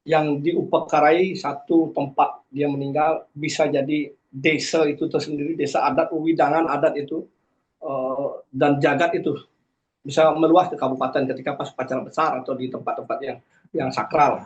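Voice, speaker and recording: A man in a fairly high voice. He sounds earnest and a little preachy, pausing and hesitating often as he testifies. The recording is dull and lo-fi. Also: fairly even intonation. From Karangasem, Bali. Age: 40s. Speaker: guest.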